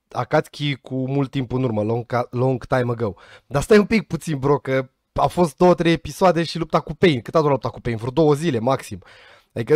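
A young man casually and jokingly recapping an anime episode, full of slang and quick asides. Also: mid-range voice, no room sound, studio quality. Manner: slangy, joking, puts on quick voices for characters. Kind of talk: casual comedic recap narration.

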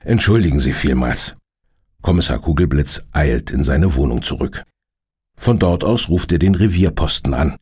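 A man narrating a children's detective radio play in an expressive, lilting way. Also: a bass voice, normal speed, husky. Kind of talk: scripted storytelling for children.

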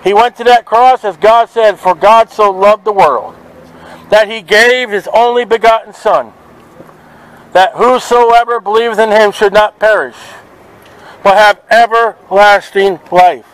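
A man preaching outdoors at a market, forceful and confrontational, quoting scripture to passers-by. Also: high voice, fairly even intonation, measured pace, low-quality recording. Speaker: street preacher. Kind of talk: open-air street preaching. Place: outdoors at a city market by traffic.

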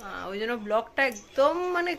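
A young mother records a casual home vlog in a high, bright voice. She coaxes her little one in a sing-song way, then chats to viewers more quietly and lower. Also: very animated, normal speed, vocal fry, a little hiss or hum. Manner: coaxing sing-song talk to a toddler; quieter, lower chatty narration. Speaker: vlogger and mother.

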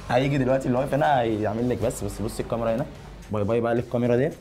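A man with an Egyptian accent, posing as a hairdresser for a hidden-camera prank in a salon and calmly provoking his customer with deadpan insults. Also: medium pitch, very fast, soft background music. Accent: Egyptian Arabic. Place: hair salon.

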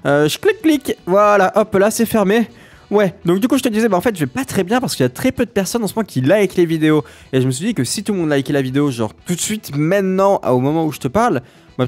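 A hoarse man role-playing a client in a comedic game role-play, rambling in a playful way. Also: a little high.

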